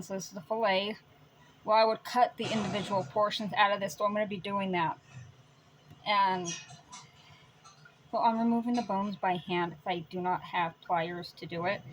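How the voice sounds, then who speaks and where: A woman's voice: mid-range voice, noisy background. A mother who hosts her own cooking channel, chatting casually and explaining each step as she cooks at home in her kitchen.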